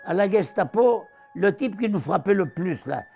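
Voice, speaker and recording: A man in his nineties with a southern French accent and a gravelly voice, telling his wartime memories as an interviewee and acting out the voices he quotes. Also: high-pitched, normal speed, soft background music. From southern France. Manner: animated, acts out the voices he quotes. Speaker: interviewee, war veteran. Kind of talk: storytelling recollection.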